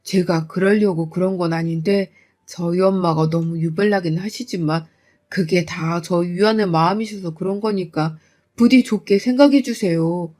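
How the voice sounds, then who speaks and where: A timid mama's-boy husband, as a woman storyteller lowers her voice to play him in a spoken story, pleading meekly and softly. He sounds small and apologetic throughout. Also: close to an everyday voice. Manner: low, meek, pleading.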